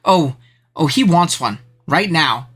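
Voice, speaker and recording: Excitable casual stream commentator. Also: takes it slowly, husky. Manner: excitable, slangy, voice jumps high when thrilled. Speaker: streamer commentating a video game league.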